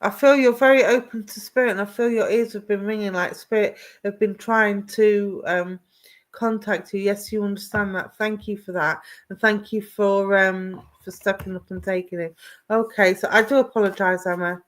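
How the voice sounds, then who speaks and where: A psychic medium hosts live online readings, speaking at a moderate pace in a steady, medium-pitched voice. She's affectionate, greeting and addressing viewers by name, calling them "my darling," and asking if things make sense.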